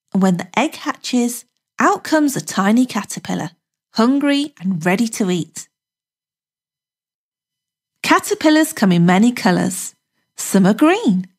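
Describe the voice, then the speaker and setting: A woman speaking as a kids show host, narrating an educational script for young children with simple, encouraging phrases and questions to the viewer. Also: mid-range voice.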